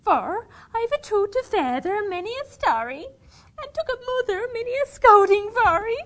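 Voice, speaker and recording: A woman's voice: very high-pitched, animated, a bit bright. A woman playing a teasing young girl, reciting a dialect verse dialogue with a playful, scolding manner. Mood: indignant. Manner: playful, scolding, quick to laugh. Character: young country girl sweetheart, pert and teasing.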